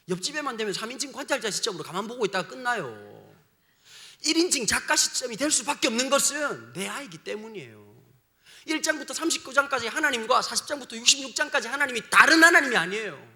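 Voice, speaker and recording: A man's voice: very high-pitched, sharp tone. A male pastor preaching a sermon in a joking, slangy way, often asking the congregation questions.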